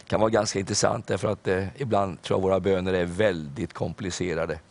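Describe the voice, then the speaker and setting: A man's voice: deep voice, steady tone, creaky, a little mellow. An older man, a pastor, preaching a sermon in an earnest storytelling way with hesitations and fillers.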